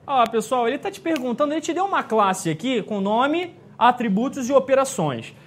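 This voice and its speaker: Chatty Rio teacher checking in with the class. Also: male voice, very high-pitched, animated, brisk, fairly bright tone, a little hiss or hum. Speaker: exam-prep teacher. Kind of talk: live classroom lecture.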